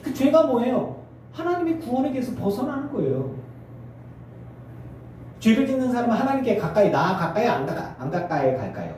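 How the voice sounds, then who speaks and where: A middle-aged male pastor preaching a sermon, animated and acting out family scenes in character voices. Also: very high-pitched, a little fast, pauses often, slight background noise. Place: church sanctuary. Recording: echoey church from far off.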